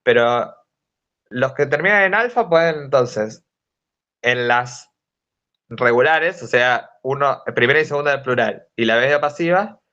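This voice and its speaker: A young man with a Rioplatense accent leads a casual study group over a video call, talking at a middle pitch. He works through each point step by step, with plenty of fillers and hesitations. The call audio sounds dull and lo-fi. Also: animated, unhurried, pushed and bright. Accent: Rioplatense Spanish. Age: young adult. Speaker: student tutor. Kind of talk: informal study-group lesson.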